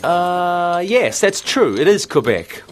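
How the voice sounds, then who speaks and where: An eager young man, animated voice. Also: high voice, slow pace, heavily acted. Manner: eager, animated, clearly spoken. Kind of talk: scripted dialogue for English learners.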